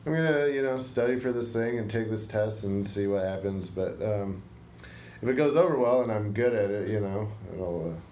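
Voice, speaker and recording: Recorded in a roomy space with faint hiss, a young man with a lowish, darkish voice talks at a normal pace. Co-hosting a podcast, he chats casually but rambles, hesitates, and uses plenty of fillers.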